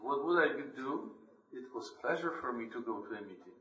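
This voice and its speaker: A man's voice: mid-range voice, expressive, a little fast, fairly bright tone. Man preaching in a roomy hall. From Poland. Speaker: lay preacher at a church meeting. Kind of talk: scripture reading and devotional talk. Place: church meeting hall. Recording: roomy, distant, dull church recording.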